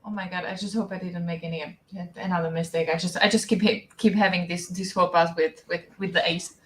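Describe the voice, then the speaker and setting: A woman's voice: fairly low pitch, steady tone, fairly quick, roomy sound. A woman co-hosting a casual podcast chat, playful and teasing, often restarting her words.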